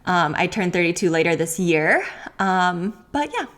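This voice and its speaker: A woman's voice: on the low side, lively intonation, normal speed, a bit bright. A pregnant woman in her thirties hosting a solo podcast Q&A, talking candidly with many likes and ums and frequent laughs. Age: 30s. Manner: laughs often while talking. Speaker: podcast host.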